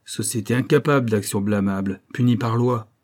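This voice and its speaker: Un homme lisant un livre audio incarne un directeur escroc, froid et laconique, qui parle par mots hachés. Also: male voice, fairly low pitch, moderate pace, lightly acted. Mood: icy. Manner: clipped telegraphic speech, icy and flat. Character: cold, laconic middle-aged swindler director.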